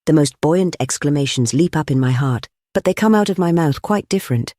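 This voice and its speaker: An audiobook reader voicing a male impostor professor who tells his tale in a wry, measured, droll way. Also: mid-range voice, expressive, warm tone, no room sound, clean studio sound, lightly acted. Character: male impostor professor, dryly comic, rueful. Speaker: first-person storyteller in the novel. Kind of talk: audiobook character reading.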